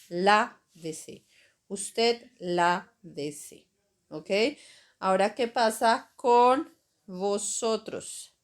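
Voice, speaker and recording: A woman, teaching grammar at an unhurried pace. She explains one step at a time in a patient way and keeps checking that her students follow. Her voice sits at an ordinary middle pitch. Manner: slow, patient explaining with frequent "¿ok?" and "¿cierto?" checks. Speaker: Spanish teacher. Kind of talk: grammar lesson over slides.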